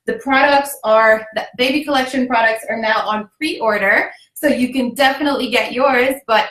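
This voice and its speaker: A woman's voice: a little high, normal speed, a bit bright. A young woman from Jamaica hosting a casual livestream, upbeat and chatty, laughing often. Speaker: host. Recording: echoey room.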